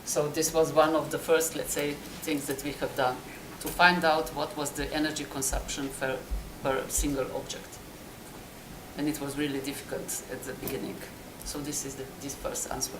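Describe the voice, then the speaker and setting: A woman presenting at a conference, answering audience questions in halting, word-searching speech. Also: sits low, level tone. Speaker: presenting city official. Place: conference hall. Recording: roomy hall with clear noise.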